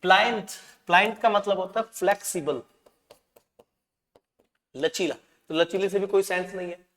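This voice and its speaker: A man's voice: sits high, moderate pace, fairly bright tone. A man with an Indian accent, teaching English for an exam, who asks his students questions and answers them himself. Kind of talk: explaining test questions. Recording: echoey room with long reverb.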